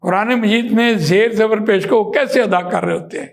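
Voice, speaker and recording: A man teaching Quran recitation in a slow, patient lesson, drawing out vowels and words to demonstrate them. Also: sits high, fairly even intonation, creaky. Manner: patient, repeats points with examples.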